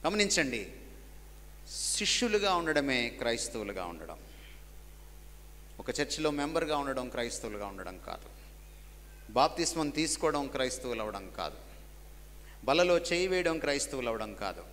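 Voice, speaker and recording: Fiery male preacher with a lively, bright voice. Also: normal speed, long pauses, a little hiss or hum. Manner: dramatic swings between loud emphatic peaks and low quiet drops; mixes English lines into Telugu preaching. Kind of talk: sermon. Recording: long hall reverb.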